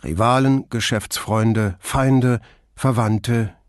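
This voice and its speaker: A man reading an audiobook in measured, even scripted narration. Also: medium pitch, dry recording, studio quality.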